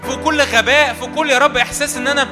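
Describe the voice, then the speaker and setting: Fervent high-voiced Egyptian pastor praying. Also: male voice, fairly even intonation, rapid-fire. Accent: Egyptian Arabic. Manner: fervent, repetitive declarations. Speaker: pastor leading worship. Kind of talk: charismatic prayer sermon. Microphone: handheld mic. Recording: hall reverb with worship music. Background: worship music.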